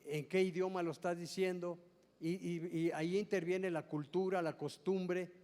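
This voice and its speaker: High-voiced pastor preaching in a hall. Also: male voice, steady tone, moderate pace, darkish tone. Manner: explanatory, asks the congregation questions; repeats and restarts words often. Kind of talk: sermon. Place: church service hall.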